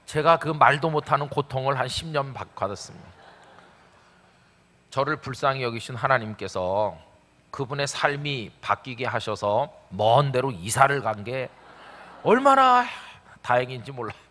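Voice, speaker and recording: Speaking at a moderate pace in a mid-range, pushed, bright voice, this middle-aged pastor delivers a revival sermon. The long reverb of a large church sanctuary surrounds his storytelling, acted-out quotations, and rhetorical questions.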